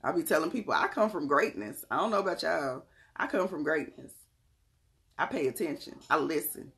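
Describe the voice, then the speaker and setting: Deep, gravelly, and animated, her voice moves at a normal speed with a fairly bright tone. She's a Southern woman from Charlotte, North Carolina, a tarot reader hosting a casual livestream, where she replies to chat and offers emphatic, no-nonsense motivational talk.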